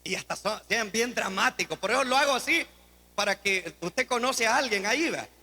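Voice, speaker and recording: A man preaching a dramatic sermon as pastor, swinging between shouts and quiet asides. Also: high voice, animated, brisk. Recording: long hall reverb.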